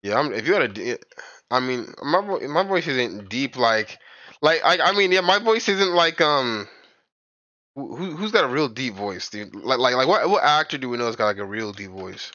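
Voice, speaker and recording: A man's voice: mid-range voice, expressive, normal speed, sharp tone, no room sound, muffled recording. A young man chatting casually with friends during a game stream, rambling with lots of filler and calling them bro. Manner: rambling, filler-heavy, says "bro" and "like" a lot. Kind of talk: casual gaming chat.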